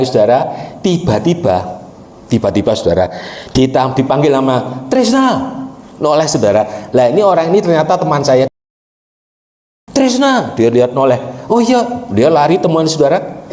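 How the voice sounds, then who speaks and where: Pastor in an echoing hall. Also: male voice, medium pitch, darkish tone, a little hiss or hum. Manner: addresses the congregation often as brothers and sisters. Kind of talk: storytelling sermon.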